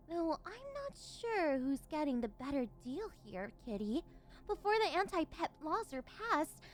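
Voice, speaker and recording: Pitched high, a woman's voice plays an unhinged, possessive yandere villainess for an ASMR role-play. She coos, teases condescendingly and lords it over her captive.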